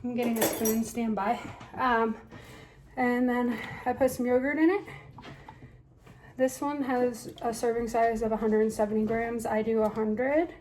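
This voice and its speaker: Upbeat lady vlogging on her phone, bit stuffy from allergies, slightly high voice, faint noise behind. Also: steady tone, unhurried, darkish tone. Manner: chatty, upbeat, with fillers. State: congested from allergies. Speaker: vlogger, triathlete. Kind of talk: casual vlog chat. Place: outdoors on a run, then a kitchen.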